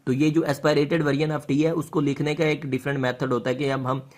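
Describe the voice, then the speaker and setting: A man with a Pakistani Urdu accent explaining linguistics in a lesson, often asking rhetorical questions and pausing on fillers. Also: fairly high pitch, level tone, darkish tone. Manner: rhetorical questions, many hesitations. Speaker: linguistics teacher.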